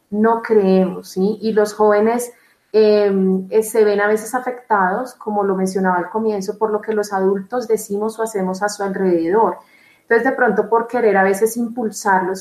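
A woman's voice: medium pitch, dark tone, echoey room, rough recording. A woman, a religious sister answering interview questions in an earnest, reflective way with frequent fillers. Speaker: religious sister, vocation coordinator.

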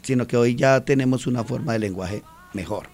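A man's voice: mid-range voice, a little fast, darkish tone, soft background music. A middle-aged man from Colombia, a teacher and author, talking earnestly in a radio interview and acting out the voices in his stories. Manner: earnest storytelling, acts out quotes.

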